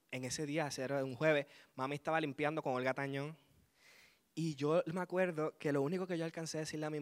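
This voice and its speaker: A man, giving a lively spoken testimony to a congregation and chuckling as he tells his story. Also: fairly high pitch.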